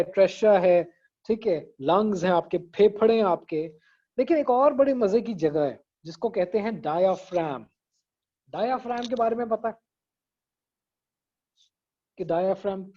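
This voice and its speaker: A man's voice: sits high, a little mellow, highs cut off. A man giving an online public speaking lesson in a conversational way, often checking in with his students. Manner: conversational, mixes English phrases, frequent "theek hai" checks. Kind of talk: online class lecture. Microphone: video call.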